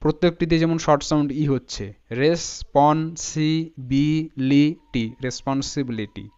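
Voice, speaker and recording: Male teacher, careful syllable-by-syllable delivery, clear resonant tone, muffled lo-fi sound. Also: on the high side, steady tone. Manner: slow, deliberate spelling out of letters and syllables. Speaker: English teacher. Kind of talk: spoken lesson breaking words into syllables. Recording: dull lo-fi sound.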